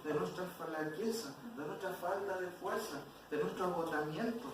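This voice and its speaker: A man's voice: sits high, normal speed. A man teaching an expository Bible class, often asking the class questions. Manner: questions the class, frequent "¿cierto?". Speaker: Sunday school teacher. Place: church hall. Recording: very echoey church hall from far off, noisy.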